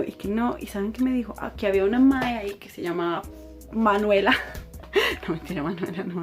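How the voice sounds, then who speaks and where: A young woman with a Costa Rican accent telling a personal story in a chatty, animated way, laughing often. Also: mid-range voice. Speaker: vlogger. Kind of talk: casual storytime.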